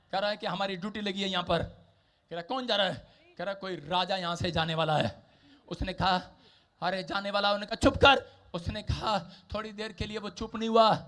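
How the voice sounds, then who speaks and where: A man preaching a sermon, often shouting as he acts out the people in a Bible story. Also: high voice, brisk.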